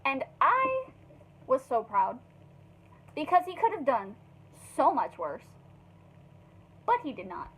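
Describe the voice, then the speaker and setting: Animated high-voiced young woman telling a story. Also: slow, long pauses, low-quality recording. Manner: animated, profane storytelling with many fillers. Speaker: vlogger. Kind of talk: storytime vlog.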